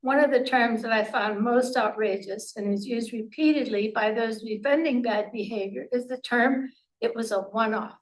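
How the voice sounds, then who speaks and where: A hoarse woman, a longtime resident, reading indignant, pointed remarks at a township board meeting. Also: fairly high pitch, normal speed, hardly any pauses, rough recording. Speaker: longtime resident speaking at public comment.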